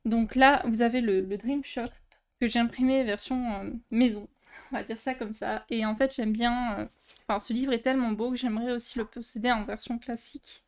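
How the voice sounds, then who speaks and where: Chatty young Frenchwoman, slightly high voice. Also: fairly even intonation, a little fast. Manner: chatty, many fillers and restarts, light laughs. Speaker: coloring book youtuber. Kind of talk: casual show-and-tell vlog.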